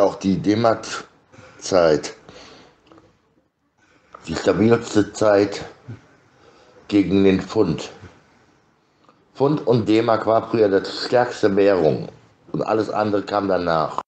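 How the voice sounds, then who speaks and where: Low and a little mellow, a middle-aged man's voice drifts through casual, halting chatter full of fragments and repeated words, captured on a phone held close to his face.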